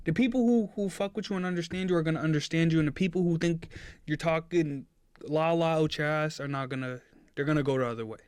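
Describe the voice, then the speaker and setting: A man's voice: on the high side, fast talker, clear, resonant tone, no echo, studio quality. Young man, earnest streamer pep talk. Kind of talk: casual live-stream chat.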